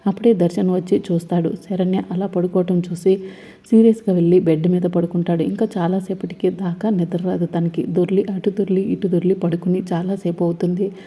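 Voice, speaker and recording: Mellow, husky woman narrating a serial recap. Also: fairly low pitch, brisk. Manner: retells the plot in a steady flow and reads the characters' lines aloud. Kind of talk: casual retelling of a TV serial episode.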